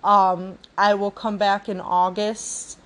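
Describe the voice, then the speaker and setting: Slow, reflective woman in her twenties. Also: medium pitch, flat delivery. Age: 20s. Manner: slow, reflective, many fillers and restarts. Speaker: podcast host. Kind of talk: casual solo podcast talk.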